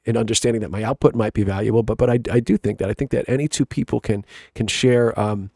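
A man's voice: fairly low pitch, fairly even intonation, fast, creaky, mellow, breathy edge, dry recording, studio quality. A middle-aged man with a Long Island accent, co-hosting a casual book club podcast in a rambling, reflective way with frequent restarts. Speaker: podcast co-host.

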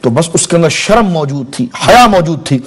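A man in his forties, a religious scholar in a TV studio interview, explaining slowly with everyday examples and stories. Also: on the high side, animated, breathy edge. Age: 40s. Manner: measured, explains with examples and anecdotes. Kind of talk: studio interview, spiritual teaching.

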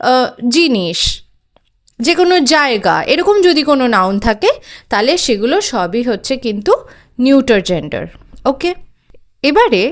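A woman teaching English grammar, asking and answering her own questions and spelling words out letter by letter. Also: high voice. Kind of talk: explaining grammar with examples.

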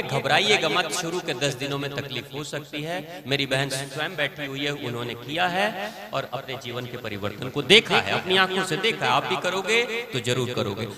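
A man giving a live spiritual discourse, telling homely stories in an animated way before an audience. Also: sits high. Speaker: spiritual preacher. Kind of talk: live religious discourse with storytelling. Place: large hall with audience. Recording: echoey hall with audience.

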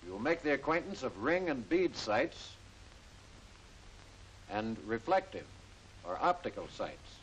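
A man's voice: medium pitch, sing-song, rough recording. Hissy vintage American male training-film narrator. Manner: formal, instructive, measured phrasing. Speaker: military gunnery instructor. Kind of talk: scripted 1940s-50s newsreel-style training film narration.

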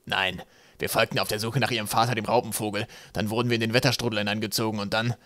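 A man voicing a loyal, gruff male flathead sailor who speaks plainly. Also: on the low side, fast, no room sound.

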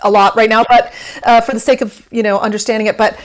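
A woman's voice: on the high side, flat delivery, fast talker. A woman guest on an interview, explaining singing technique in a conversational way, with frequent fillers and easy laughter. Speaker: vocal pedagogy specialist guest.

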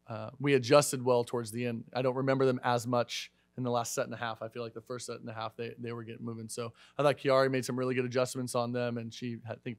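Fast-talking coach at a press conference. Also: male voice, mid-range voice, no room sound. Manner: fast, conversational, many fillers and restarts. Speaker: head volleyball coach. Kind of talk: post-match press conference. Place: media room in front of a sponsor backdrop. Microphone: desk microphone.

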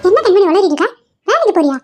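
A woman's voice: very high voice, fairly even intonation, fast, a little mellow, soft background music. A woman voicing a fussy, scolding old grandmother in a cartoon, pleading and nagging. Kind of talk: Tamil cartoon voice acting.

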